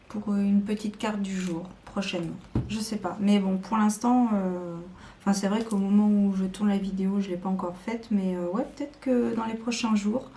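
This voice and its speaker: A woman's voice: mid-range voice, creaky, warm tone, a little hiss or hum. A woman showing tarot decks to camera in a casual, hesitant chat full of fillers and restarts. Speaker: tarot video creator.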